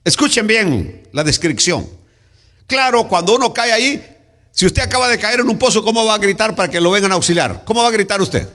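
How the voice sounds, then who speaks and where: A pastor with a Salvadoran accent preaching in church, dramatic, acting out scenes and shouting cries. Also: male voice, high-pitched, animated, fairly quick. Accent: Salvadoran Spanish. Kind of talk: sermon. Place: church sanctuary.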